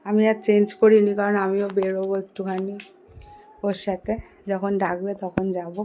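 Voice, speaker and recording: A young woman vlogger talking casually and quickly about her day, chatty and excited. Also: mid-range voice, faint music behind, low-quality recording. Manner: fast, chatty talker. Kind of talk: casual daily vlog talk.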